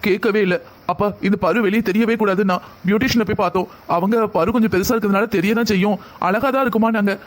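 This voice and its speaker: Voicing a cartoon character, a man uses a high, steady, quick delivery close to his everyday voice. The role is a worried middle-aged father who pleads desperately on his daughter's behalf.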